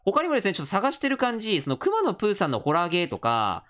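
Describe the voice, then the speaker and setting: A woman's voice: medium pitch, huge pitch swings, racing, a bit bright. A woman commentating a game, reading its text aloud and rallying the other players in a playful tone. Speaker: gaming channel host.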